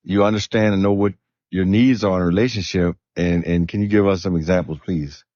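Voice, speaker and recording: A man hosting a relationship talk show, asking measured, probing questions. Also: low voice, steady tone, darkish tone, no echo, muffled recording. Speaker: host. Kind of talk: interviewing panelists.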